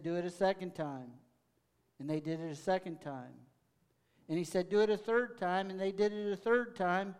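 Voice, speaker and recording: A man preaching a sermon, reading scripture aloud in a church and building to forceful emphasis on the quoted lines. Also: sits high. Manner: reads with rising, forceful emphasis. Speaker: pastor. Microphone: mic checked aloud.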